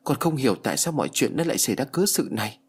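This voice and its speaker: A man's voice: medium pitch, big pitch swings, racing, slightly rough. A man voicing a frightened, tearful young widow in an audiobook ghost story. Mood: fearful. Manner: tearful, fearful storybook dialogue.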